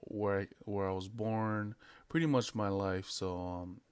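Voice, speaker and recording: A vlogger in his late twenties from American Samoa and Hawaii chats in an unscripted vlog, laid-back, hesitant and rambling. His lowish voice is smooth with fairly even intonation and a measured pace, with no room sound.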